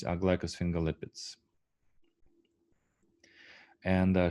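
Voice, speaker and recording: A man giving a university science lecture, halting often with fillers and restarts and checking in with the class. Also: low voice, a little mellow. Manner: asks the class rhetorical "right?" checks.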